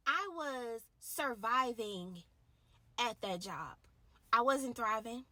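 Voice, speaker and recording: A woman's voice: a little high, lively intonation, slow, no echo. A woman giving a colloquial, faith-based motivational talk straight to the listener, moving between confiding and emphatic, preacherly delivery. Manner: emphatic, preacherly, swinging from hushed close confiding to loud declarations; colloquial, direct address to listener. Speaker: social media creator giving motivational talk. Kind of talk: motivational faith testimony to camera.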